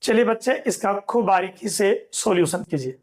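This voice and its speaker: A man teaching a maths class, slowly dictating problems and patiently explaining solutions to students. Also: sits high, expressive. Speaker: mathematics teacher. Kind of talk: classroom lecture.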